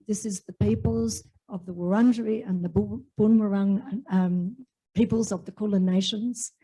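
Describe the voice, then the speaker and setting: A woman's voice: mid-range voice, dark tone, no echo, rough recording. A woman with an Australian accent hosting an evening event in a large room, speaking enthusiastically with many fillers. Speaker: host and executive officer.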